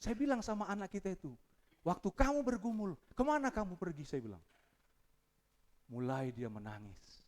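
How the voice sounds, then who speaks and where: A male pastor preaching a sermon, shifting from hushed storytelling to loud, fervent appeals. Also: high-pitched, animated, moderate pace, pauses often.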